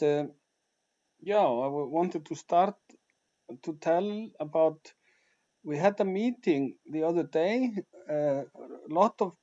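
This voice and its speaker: A man from Iceland, hosting an online meeting over a video call and talking haltingly as he searches for his words. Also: on the high side, dark tone. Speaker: meeting host. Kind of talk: casual online meeting talk. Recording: muffled video-call audio.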